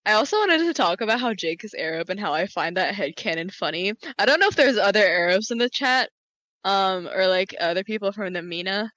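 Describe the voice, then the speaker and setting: A woman talking casually as a convention panelist, animated and laughing, with lots of "like". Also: medium pitch, fairly quick, dry recording.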